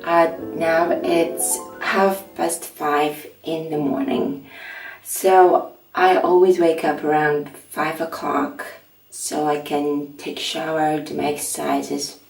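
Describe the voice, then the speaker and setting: A middle-aged woman with a raspy early-morning voice, chatting softly through a skincare tutorial and filling her pauses with "um". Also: low-pitched, little pitch movement, soft background music. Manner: soft-spoken, chatty, with frequent fillers. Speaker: beauty vlogger. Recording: echoey room, mic at a distance.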